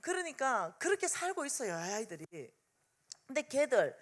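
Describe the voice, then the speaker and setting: A woman's voice: high voice, moderate pace. A woman with a Gyeongsang Korean accent, telling a story in a revival sermon and acting out the dialogue. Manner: animated, acts out dialogue in story. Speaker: revival meeting speaker.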